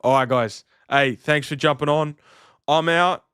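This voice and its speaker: A man's voice: on the high side, a little slow, fairly bright tone, clean tone, no room sound, clean studio sound. A man, chatting casually to livestream viewers in a slangy, matey way. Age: 30s. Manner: laid-back slangy, matey address. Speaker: livestream host.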